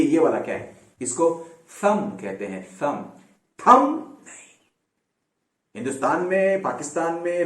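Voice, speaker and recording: A man's voice: medium pitch, a little mellow, reverberant. A man teaching English pronunciation in a recorded lesson, explaining step by step and checking in with his listeners.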